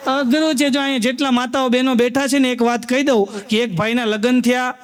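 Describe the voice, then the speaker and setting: A man performs live stand-up. His voice sits very high, and he tells homely stories, slipping into the voices of the old people in them. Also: little pitch movement, a little fast, a faint crowd. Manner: folksy storyteller addressing the audience as sir, acting out old folks. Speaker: stand-up comedian.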